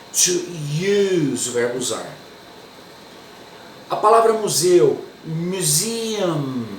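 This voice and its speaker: A Brazilian man teaching English pronunciation, repeating each word slowly and patiently. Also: fairly high pitch, reverberant, recorded from a distance, slight background noise, rough recording. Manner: slow, repetitive, drills words one by one. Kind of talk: pronunciation lesson.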